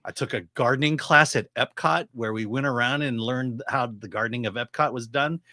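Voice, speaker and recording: A middle-aged man reviews films casually in a voice of average pitch. He explains his opinions haltingly, and the sound is dry and free of room echo. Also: sharp tone. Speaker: film reviewer. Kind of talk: casual movie commentary.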